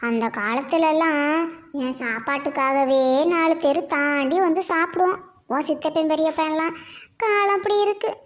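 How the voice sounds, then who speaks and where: A woman's voice: high voice, normal speed, lightly acted. Woman doing a grumbling old village granny. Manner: grumbling, scolding. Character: elderly village grandmother, nagging and sharp-tongued. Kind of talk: cartoon voice acting. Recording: roomy echo.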